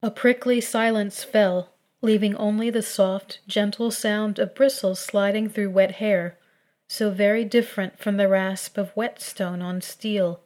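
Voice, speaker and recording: A woman narrating a fan fiction story in a steady, measured reading voice. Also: mid-range voice.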